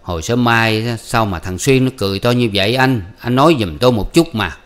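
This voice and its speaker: A man's voice: mid-range voice, lively intonation, a little fast, a bit bright, clear, resonant tone, lightly acted. A male audiobook reader voicing a simple, naive farmer who asks puzzled questions.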